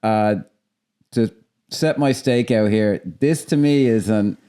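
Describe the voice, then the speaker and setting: A man with a Dublin Irish accent co-hosting a film podcast, talking in a halting, colloquial, conversational way. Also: on the low side, dark tone, clear, resonant tone. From Ireland. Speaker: podcast co-host. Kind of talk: casual film discussion.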